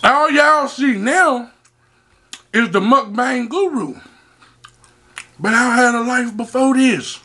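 A man with a high, gravelly voice talks casually to his viewers as the host of an eating show. His delivery is bright and lively, with big swings in pitch as he boasts and calls out to them. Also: slow, pauses often. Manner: animated, hypes himself up, calls out to viewers. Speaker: mukbang host. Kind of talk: casual storytelling to camera while eating.

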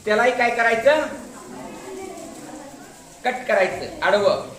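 Speaking slowly in a very high, fairly bright voice, a man teaching at school shows his class how to make a craft. He patiently repeats each step and tells the pupils to watch, with roomy classroom echo and slight background noise.

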